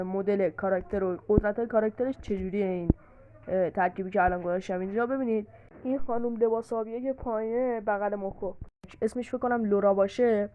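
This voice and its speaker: A woman talks through a game guide in a relaxed, chatty voice-over, her pitch sitting in an ordinary middle range. She explains each point with examples and fills pauses with frequent hesitations. The recording is a little muffled and lo-fi. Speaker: gaming YouTuber.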